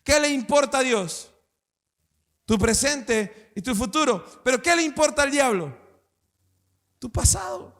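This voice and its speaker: A male pastor preaching a sermon, asking rhetorical questions and building up to passionate shouts. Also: very high-pitched, lively intonation, measured pace, big-room sound.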